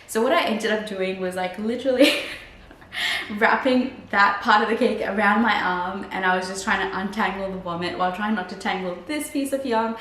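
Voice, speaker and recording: A woman's voice: medium pitch, normal speed, a bit bright. A woman chatting casually to her vlog audience as a crocheter, with a wry, self-deprecating manner. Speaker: crochet vlogger. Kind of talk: casual chat to camera, vlog. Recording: roomy, distant mic, faint hiss.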